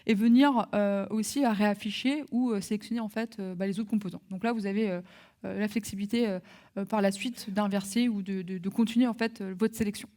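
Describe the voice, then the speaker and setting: A woman giving a live software training webinar, talking through steps with many fillers and restarts. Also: mid-range voice, steady tone, brisk.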